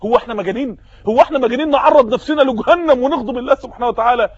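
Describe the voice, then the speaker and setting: A man's voice: very high-pitched, racing, no room sound, dull audio. A man with an Egyptian Arabic accent preaching a sermon, impassioned and firing off rhetorical questions.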